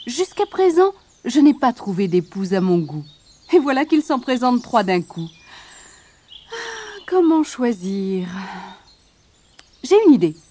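A woman voicing a courteous young prince who speaks in a measured, formal way. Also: on the high side, very animated, mellow, heavily acted. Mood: courtly.

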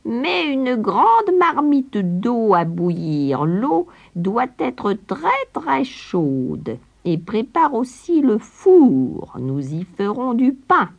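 A woman voicing a wicked, half-blind old witch with a shrill, drawn-out, scolding voice. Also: very animated, vocal fry, dull audio, heavily acted. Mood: gloating scolding.

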